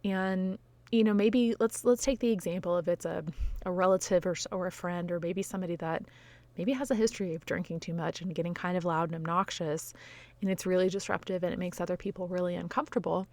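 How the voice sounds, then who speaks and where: A woman's voice: lowish voice, fairly even intonation, fast, darkish tone. A woman life coach giving frank, conversational advice straight to her viewers, often tagging her points with "you know" and "right?". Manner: frank, occasionally swears. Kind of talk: direct-to-camera advice talk.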